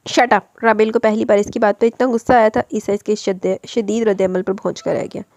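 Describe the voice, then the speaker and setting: A woman's voice: medium pitch, steady tone, quick pace, a little mellow, no echo. A woman narrating a romance novel as a storyteller, reading dramatically and breaking off into chatty asides.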